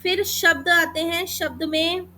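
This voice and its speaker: A woman teaching a Hindi grammar lesson for exam preparation, calling students beta and mixing in English terms while sounding out letters slowly. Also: very high-pitched, level tone, sharp tone, a little hiss or hum.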